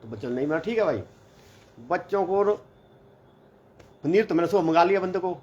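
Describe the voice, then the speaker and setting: A man's voice: high voice, animated, fairly quick, darkish tone, slightly rough. A man, a teacher who helps run a hostel mess, tells a rambling everyday story in a casual vlog, peppering his talk with "bhai" and reported speech. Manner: rambling, chatty, repeats "bola" and "bhai". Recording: slightly dull lo-fi audio with faint background noise.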